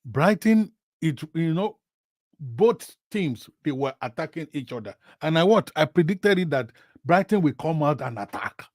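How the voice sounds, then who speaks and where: A man's voice: on the high side, a little slow, dry recording, studio quality. A man chatting casually about football and reading out viewer comments. He often asks himself "what?" and then answers, and he repeats words and phrases with many fillers. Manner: animated, with big swings in loudness.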